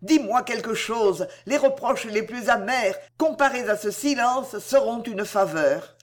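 A woman reading the part of a passionate, remorseful young gentleman, in impassioned pleading outbursts. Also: on the high side, unhurried, natural voice.

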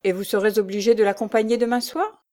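Scheming charmer, coaxing and polite; a woman reads him in her own mellow voice. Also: mid-range voice, fairly even intonation, quick pace, lightly acted. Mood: smooth. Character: scheming middle-aged man, smooth and false.

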